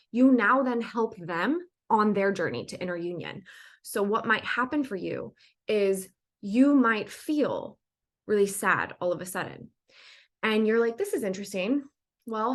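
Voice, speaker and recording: A young woman giving a spiritual teaching to her channel's viewers, rambling and chatty, with lots of "like" and "right?". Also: medium pitch. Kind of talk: casual spiritual teaching monologue.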